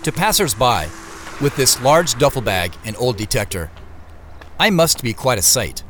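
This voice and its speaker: An actor narrates as the main character of his own audio drama, speaking in the first person as a wry, beleaguered office worker on the run, with understated, muttered asides. His mid-pitched voice swings widely in pitch at a moderate pace, sounding a bit bright over a faint hiss or hum. The mood is weary and wry.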